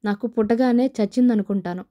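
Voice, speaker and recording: A distraught middle-aged mother scolds through her grief, voiced by a woman narrator. The voice is mellow and dark but sits fairly high. She is a character in a spoken audio novel. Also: a little fast, close to an everyday voice. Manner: tearful, scolding.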